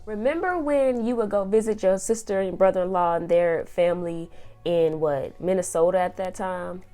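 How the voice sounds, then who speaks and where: A woman's voice: on the low side, moderate pace, mellow, faint music behind. Sassy young woman giving faith-based advice. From Kansas City, USA. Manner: playful, sassy, preachy, talks straight to her younger self. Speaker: vlogger.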